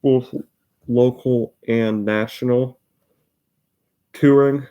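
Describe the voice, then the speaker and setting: A teenage boy from Michigan talks with an Upper Midwest American accent. He hosts a loose, rambling vlog and keeps interrupting himself, filling the gaps with filler words. His pitch sits right in the middle of the range for a young man. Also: steady tone, extremely slow, mellow, lo-fi sound. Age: teens. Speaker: racing channel host. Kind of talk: casual rambling vlog talk.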